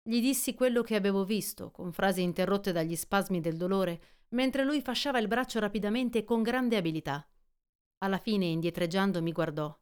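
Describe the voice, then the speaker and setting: Woman, audiobook narration, scripted reading, measured and even, smooth clear voice. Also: medium pitch. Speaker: audiobook reader.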